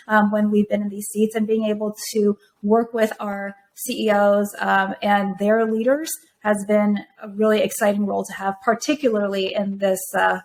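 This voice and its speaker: A woman from Taiwan, a native Mandarin speaker, answering podcast interview questions in a measured, thoughtful way. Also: medium pitch, gravelly, a little hiss or hum. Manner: measured, thoughtful, with frequent fillers. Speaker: podcast guest, venture firm operator. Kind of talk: conversational interview.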